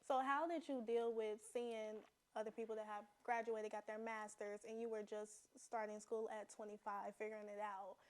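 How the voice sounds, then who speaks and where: A woman's voice: mid-range voice, little pitch movement, moderate pace, hardly any pauses. A woman in her twenties hosting a podcast, asking friendly, open questions in casual interview chat. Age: 20s. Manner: friendly, asks open questions, agrees often. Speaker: podcast host.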